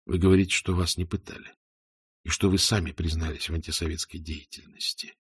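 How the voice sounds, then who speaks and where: A man voicing a calm male Soviet intelligence officer, questioning a prisoner in a quiet, measured way. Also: low-pitched, husky, no room sound, clean studio sound. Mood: urgent.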